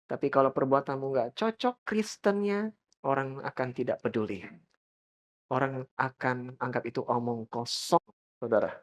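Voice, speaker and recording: Lively man preaching a sermon. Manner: lively, rising to high emphatic peaks, addressing the congregation often. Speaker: pastor.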